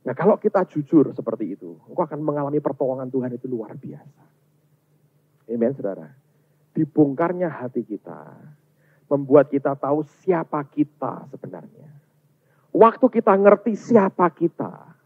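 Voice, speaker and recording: A man preaching a sermon as a pastor, emphatic and swinging from loud to soft. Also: a little high, sing-song, normal speed, pauses often, slightly rough. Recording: tinny, phone-like sound.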